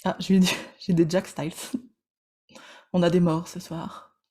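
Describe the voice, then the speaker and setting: This female coach leads an informal live class, cracking jokes and greeting viewers by name while her speech comes in quick, often restarted spurts. The pitch is fairly low, the delivery flat, and the tone dark.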